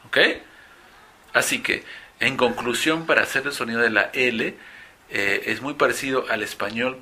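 A man teaching English pronunciation in Spanish, explaining slowly and repeating example words for listeners. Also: fairly low pitch, pushed and bright. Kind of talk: pronunciation lesson.

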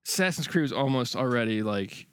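A man at an ordinary middle pitch who chips in with quick, jokey remarks on a casual gaming podcast. His voice sounds dry and close to the mic. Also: animated, a bit bright, smooth, no room sound. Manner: quick joking interjections. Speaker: podcast guest.

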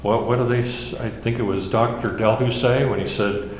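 Speaking at a moderate pace with medium pitch and fairly even intonation, a man leads a Bible study, explaining each verse conversationally. The audio, captured in an echoey hall with faint background ambience, has slight hiss or hum.

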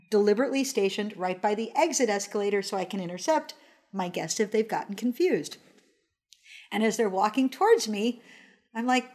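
A woman telling a casual, animated anecdote, acting out the quoted voices and using lots of fillers. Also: medium pitch. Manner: frequent fillers like "like". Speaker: storyteller.

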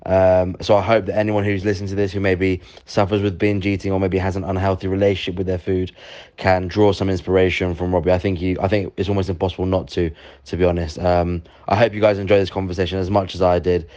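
A man with a very low voice, recorded with a slightly dull, lo-fi sound. He addresses podcast listeners informally and earnestly as their host. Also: flat delivery, fast talker, a little mellow.

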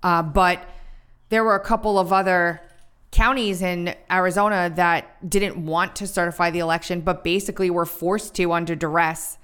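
A woman's voice: lowish voice, steady tone, a bit bright, clear, resonant tone. Conversational woman podcast host. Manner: conversational, quick asides, reads quotes aloud. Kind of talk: casual political talk.

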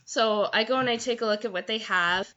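A woman chatting casually, telling an animated story and quoting people as she goes. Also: mid-range voice, a little fast, a little hiss or hum. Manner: animated storytelling with quoted voices. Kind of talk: casual chat. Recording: dull lo-fi sound.

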